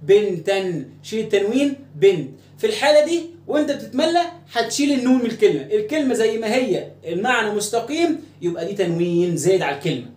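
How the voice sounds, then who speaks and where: Fast-talking Egyptian Arabic teacher, echoey room. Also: male voice, high-pitched, expressive, darkish tone. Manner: drills words slowly, asks and answers his own questions. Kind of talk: classroom grammar lesson.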